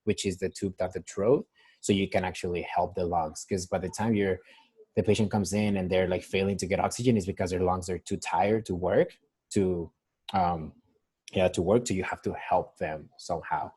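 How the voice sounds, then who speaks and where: Man, Mexican accent, husky low voice, rambling phone-call chat. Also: steady tone, moderate pace, mellow. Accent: Mexican Spanish. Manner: rambling, full of restarts and "like". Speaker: nurse. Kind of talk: casual interview over a call. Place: San Diego.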